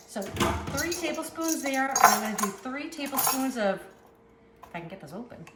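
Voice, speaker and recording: Working in her home kitchen, a Northeastern-accented woman from the Northeast US runs a cooking channel and keeps up cheerful, casual chatter as she goes. Her voice falls in the mid range. Echo and background noise fill the recording.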